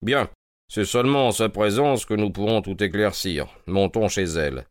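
A man voicing a brisk, self-assured detective in an audiobook, speaking in a measured way. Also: fairly low pitch, dry recording, studio quality, pitched above the performer's own voice, close to an everyday voice. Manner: measured, confident explaining. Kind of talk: audiobook character reading.

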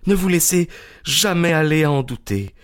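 A man's voice: fairly high pitch, expressive, moderate pace, voice pushed up, close to an everyday voice. A man voicing an agitated young woman in a storybook reading, pleading urgently in a raised voice. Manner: pleading, breathless insistence.

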